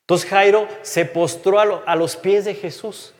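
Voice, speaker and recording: A man's voice: high voice, steady tone, a little slow. A man, in his thirties or older, teaching from the Bible in a personal, conversational way. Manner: earnest and personal, drops to a hush on key phrases. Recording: long hall reverb.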